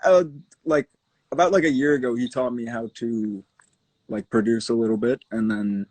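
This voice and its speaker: A man's voice: mid-range voice, fairly even intonation, moderate pace, a little mellow, no echo. A young male music producer chatting casually, rambling with lots of fillers. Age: young adult. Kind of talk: casual chat.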